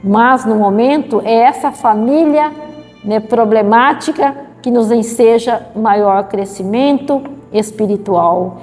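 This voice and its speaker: A middle-aged woman with a Brazilian accent giving a spiritual lecture, slow and measured, repeating phrases and adding tag questions. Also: on the high side, a little mellow, big-room sound, faint music behind. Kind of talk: spiritual talk. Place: spiritist center hall.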